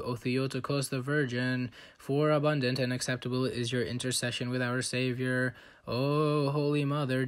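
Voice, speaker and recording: A man recites church prayers in a smooth, resonant voice. His intonation stays very flat and even, in a steady recitation at a middling pitch. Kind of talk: liturgical prayer reading.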